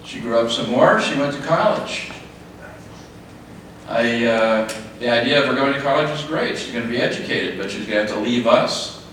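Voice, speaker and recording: Middle-aged man, father of the bride at the podium, halting short phrases, very reverberant room, noisy background. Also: medium pitch, lively intonation, a bit bright. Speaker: father of the bride giving a speech. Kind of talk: wedding speech. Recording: echoey, noisy room, distant mic.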